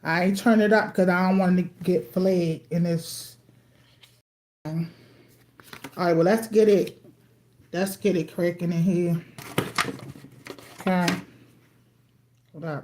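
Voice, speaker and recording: A woman's voice: fairly low pitch, fairly even intonation, unhurried, long pauses, background noise. A woman doing a casual livestream tarot reading at home, chatty and informal, calling her viewers y'all and eating as she talks. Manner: chatty, eats while talking, addresses viewers as y'all. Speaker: tarot card reader. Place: at home with TV playing.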